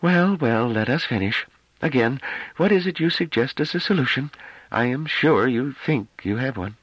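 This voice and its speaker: A man reading an audiobook, voicing a cold, contemptuous woman on a ruling council, with sharp, clipped delivery. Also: mid-range voice, animated, normal speed, slightly rough, no room sound, dull audio, voice pushed up. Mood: scornful. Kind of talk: audiobook character voice.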